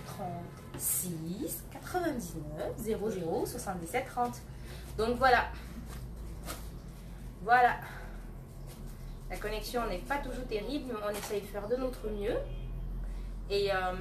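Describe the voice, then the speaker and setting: A woman's voice: medium pitch, expressive, takes it slowly, pauses often. A woman running a live online auction of hair extensions, teasing bidders by name and repeating the prices. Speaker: live-stream hair seller. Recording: roomy echo, distant phone mic, faint noise.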